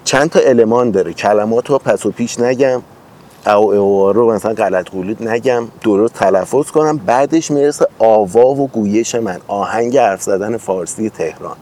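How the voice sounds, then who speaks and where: A man with a Tehran accent hosting a casual conversation, explaining his points calmly with examples. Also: on the low side. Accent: Tehran Persian. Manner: relaxed, thoughtful, explains with examples. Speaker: host.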